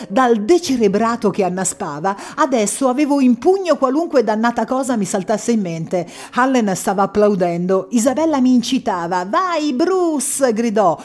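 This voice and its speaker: A woman's voice: moderate pace, few pauses. A woman narrating a first-person story as an audiobook, reading expressively. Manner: expressive reading, voicing shouted quotes louder and higher.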